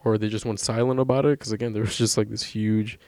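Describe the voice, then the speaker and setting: A man's voice: lowish voice, little pitch movement, fast talker, darkish tone, no echo, clean studio sound. Casual, swearing young man. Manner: rambling, swears a lot, laughs often. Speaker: podcast co-host. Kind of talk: casual chat.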